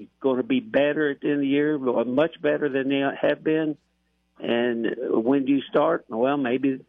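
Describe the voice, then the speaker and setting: A man, a radio co-host, chatting casually about sports over a phone line from a hospital. He speaks haltingly, with many fillers and restarts. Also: medium pitch, no room sound. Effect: heard over a phone line.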